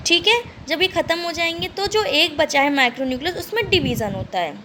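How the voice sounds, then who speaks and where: A woman's voice: sits high, animated, fairly quick, bright, forceful tone, a little hiss or hum. A woman teaching a class who keeps asking her students questions and answering them herself. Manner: repeats questions back to students. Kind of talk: lecture.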